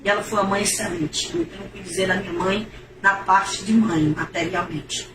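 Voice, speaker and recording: A woman's voice: mid-range voice, fairly even intonation, brisk. A middle-aged woman, giving an emotional, repetitive religious testimony in a preacher-like manner. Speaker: testimony giver. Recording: echoey, distant, noisy.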